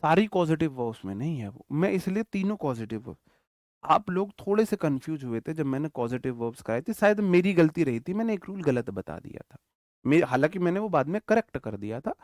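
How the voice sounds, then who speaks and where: Male grammar teacher, fairly high pitch, patient dictation, frequent check-ins, dry studio sound. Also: darkish tone, dry recording. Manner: slowly dictates example sentences word by word; checks in often with the class. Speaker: English teacher. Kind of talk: online grammar lesson.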